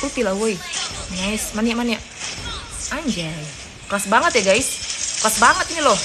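A woman streaming a mobile game with excitable, chatty commentary, swearing and calling out to her viewers while fighting a cold and cough. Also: fairly high pitch, moderate pace, over loud music. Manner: excitable, chatty, swears, keeps saying "guys". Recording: noisy background.

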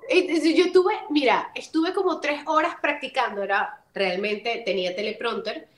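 A woman from Venezuela, a guest actress chatting in an interview and telling stories with lively acted-out quotes. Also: normal speed, a crowd in the background. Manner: animated storyteller, acts out quotes with big pitch jumps. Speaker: actress and voice-over artist, guest. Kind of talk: casual interview chat. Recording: roomy echoey room.

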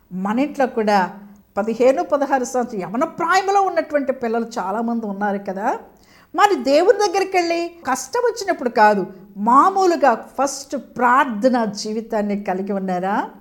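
High-voiced woman preaching a lively sermon. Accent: Telugu. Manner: animated, questioning the listeners and calling for hallelujah.

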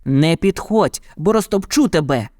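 A man's voice: very high voice, lively intonation, measured pace, dry recording, studio quality, voice pushed up. A man voicing a brave young boy raised by wolves in a storybook reading, calling out boldly. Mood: defiant. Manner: bold, shouting, tearful pleading. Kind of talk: storybook narration.

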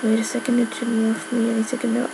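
A woman's voice: a little high, completely flat delivery, fast talker, vocal fry, background noise. A woman giving casual gameplay commentary, rambling with lots of filler words. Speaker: gamer.

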